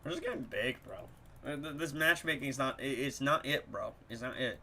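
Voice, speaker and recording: A man's voice: mid-range voice, fairly quick, a little hiss or hum. A young man giving casual, joking commentary to his chat while he plays a video game. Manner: excitable, joking, talks to chat. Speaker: streamer.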